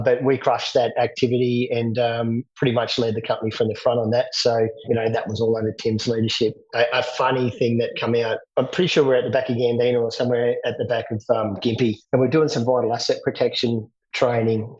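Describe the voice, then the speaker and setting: A middle-aged Australian man, a veteran, recalling his army days in a plain, steady way, often restarting his words. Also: medium pitch, muffled recording. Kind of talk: interview recollection.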